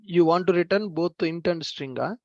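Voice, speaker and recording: Gravelly guy tutor on a muffled video call, kinda high, dry sound. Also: normal speed, no echo. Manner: brief, patient acknowledgements. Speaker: instructor. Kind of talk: live online class Q&A. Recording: dull lo-fi online call audio.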